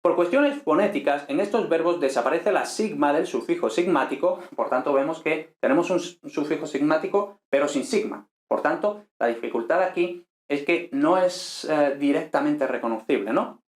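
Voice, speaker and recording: Guy from teaching a grammar class, calm explainer, keeps asking "right?", bit of room echo. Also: a little high, normal speed, hardly any pauses. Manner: patient, explanatory, ends points with tag questions. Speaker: teacher of ancient Greek.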